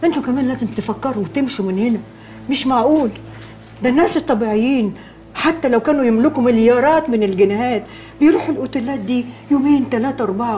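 A fast-talking, fussy older mother. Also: high-pitched, darkish tone. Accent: Egyptian. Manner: scolding, exasperated, repeating herself. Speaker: mother-in-law.

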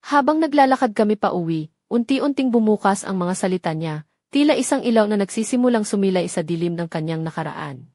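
A woman's voice: mid-range voice, lively intonation, fairly quick, mellow, dry recording, studio quality. A woman narrating a dramatic first-person story from a script in a heartfelt, emotional way.

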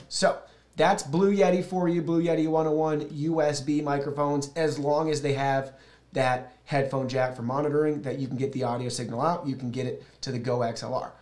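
With a slightly mellow voice on the higher side, this product reviewer and host in his thirties walks viewers through a product and its software in a cheerful, casual way. He records in a small studio on a shotgun mic fed into an audio mixer.

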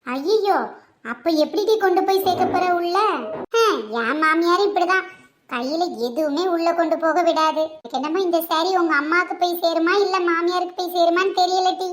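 A woman's voice: very high voice, moderate pace, a little hiss or hum. A woman doing a bossy teasing friend. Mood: worried. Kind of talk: village comedy skit.

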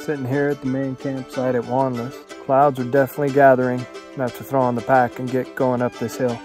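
Speaking fast in a medium-pitched voice with faint music behind, a middle-aged man vlogs outdoors to a phone at arm's length, camped in a forest by a mountain lake. This solo backpacker is easygoing but grows excited as the storm hits.

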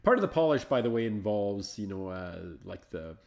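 A man hosting a live Linux show, chatting casually and thinking aloud as he installs and explores software, coaxing slow programs along. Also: on the low side, sing-song, creaky. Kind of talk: casual live screencast commentary.

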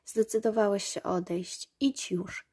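A woman voicing a proud, delicate female rose in a storybook reading, gently and softly. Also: medium pitch, steady tone, measured pace, husky. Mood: tender.

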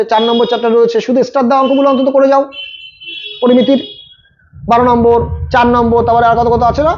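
A man's voice: very high-pitched, a little mellow, muffled recording, a little hiss or hum. A male maths tutor giving last-minute exam tips, talking directly to students and repeating his points. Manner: rapid, repetitive, coaching students directly.

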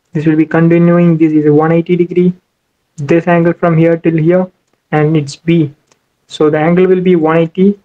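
A man's voice: a little high, mellow, lo-fi sound. A man teaching ship navigation over a whiteboard screen recording, explaining step by step with many "you know"s. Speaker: maritime navigation instructor. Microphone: voice-over for a tablet screen recording.

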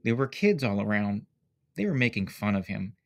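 A man reading a picture book aloud as narrator, with slow, expressive storytelling. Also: lowish voice, gravelly, loud music behind the voice.

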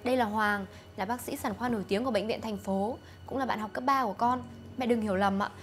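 A woman's voice: a little high, steady tone, fast talker, music in the background, close to an everyday voice. A woman playing a young pregnant daughter-in-law, pleading and earnest. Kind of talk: web drama acting.

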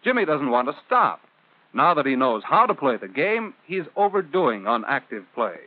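An American man narrates a 1950s instructional film in simple, conversational phrases, as if talking straight to a child. His mid-range voice is sing-song at a moderate pace, dry, on a muffled, telephone-like old film soundtrack.

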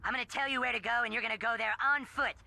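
Gravelly cartoon game villain, super bright edgy tone, gloats and taunts. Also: mid-range voice, fairly even intonation, rapid-fire. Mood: taunting. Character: scheming gravelly male villain kidnapper. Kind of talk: video game voice acting.

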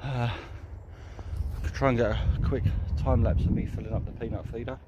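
A man's voice: medium pitch, little pitch movement, fast, lo-fi sound, very noisy. Hesitant man filming outdoors. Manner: hesitant, many ums and restarts. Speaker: wildlife photography vlogger. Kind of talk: casual outdoor video diary. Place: outdoors by water in nature.

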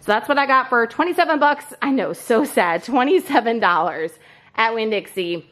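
A woman's voice: a little high, expressive, fairly bright tone. A woman in her thirties chatting casually through a grocery haul in her home kitchen. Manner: chatty and upbeat, quick asides. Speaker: vlogger.

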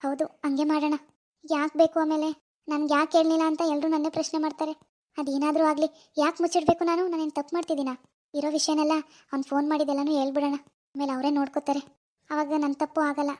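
A woman's voice: high-pitched, little pitch movement, quick pace, darkish tone. A woman voicing a worried young village wife in a cartoon, fretting aloud to herself. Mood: anxious. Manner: anxious, fretting, talking to herself. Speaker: cartoon narrator voicing all figures.

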